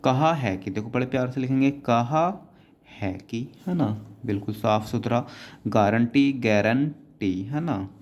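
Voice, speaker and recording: A man's voice: medium pitch, measured pace, a little mellow. Man, shorthand teacher, patient, fatherly, step-by-step lesson, muffled lo-fi sound. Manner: patient, keeps adding "है ना" and calling students "बेटा". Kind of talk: explaining a lesson word by word.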